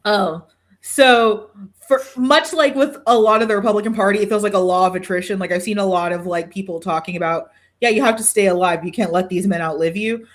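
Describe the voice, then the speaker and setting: Woman, podcast host, medium pitch, casual chat, sweary, self-deprecating, melodramatic exaggeration. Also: brisk.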